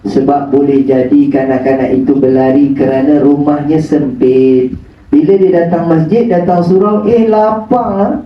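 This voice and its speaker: A man's voice: on the high side, fairly even intonation, normal speed, slight background noise. A man giving a joking religious lecture with teasing rhetorical questions in a mosque prayer hall, recorded on a phone from a distance. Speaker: religious preacher. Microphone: phone camera at a distance. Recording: echoey hall from far off, dull phone audio.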